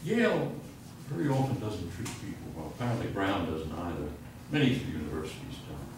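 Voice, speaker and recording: A deep, sing-song male voice, a little fast, belongs to an older physics professor who rambles through stories, interrupts himself, and works equations on the chalkboard. A far room mic picks up the large lecture hall's echo and some background noise.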